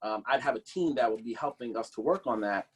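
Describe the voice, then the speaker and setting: A male political candidate answers a policy question in a halting, slightly husky voice of medium pitch, often repeating and correcting his phrases. His delivery is expressive.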